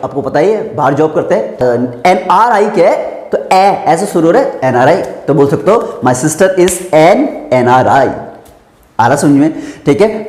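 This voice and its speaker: A man's voice: a little high, darkish tone. A man teaching English grammar in a classroom-style lesson, explaining step by step and asking and answering his own questions. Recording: echoey room with long reverb.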